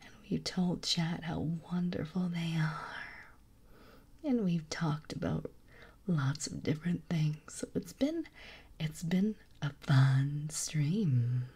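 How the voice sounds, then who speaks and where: Soft slow whispery lady streamer, mellow tone, sweet with her chat. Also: deep voice, breathy edge. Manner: gentle, affectionate, reads chat aloud. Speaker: ASMR streamer.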